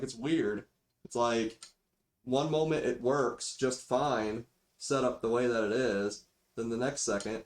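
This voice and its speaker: Rambling male streamer on a cheap mic. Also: mid-range voice. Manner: rambling, laid-back slangy talk with mild grumbling. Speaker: game livestreamer. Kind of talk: casual livestream chat. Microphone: default backup microphone after main mic failed. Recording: cheap default microphone sound.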